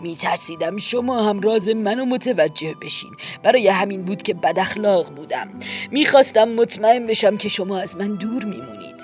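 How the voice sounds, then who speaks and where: A woman voicing a gentle old male grizzly bear posing as a neighbour, speaking slowly, softly and hesitantly. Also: mid-range voice, huge pitch swings, faint music behind. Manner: slow, soft and hesitant.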